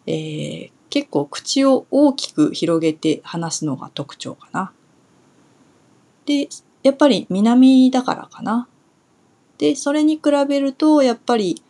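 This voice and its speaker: A young woman from Kumamoto in Japan, talking through a relaxed solo Japanese lesson in a chatty way, pausing on soft fillers as she thinks aloud. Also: a little high. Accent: standard Japanese. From Kumamoto, Kyushu, Japan. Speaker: Japanese teacher.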